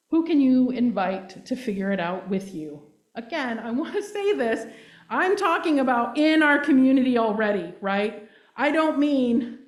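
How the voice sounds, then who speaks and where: A woman's voice: on the high side, a little mellow. A woman giving a sermon as a guest minister, earnest and emphatic, checking in with the congregation as she speaks. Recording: roomy echo.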